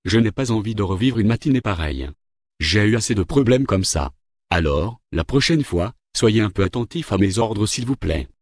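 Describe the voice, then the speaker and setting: A man's voice: fairly low pitch, expressive, normal speed, a little mellow. A man voicing an irritable government minister who grumbles and gets impatient, in a read-aloud story. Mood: relieved.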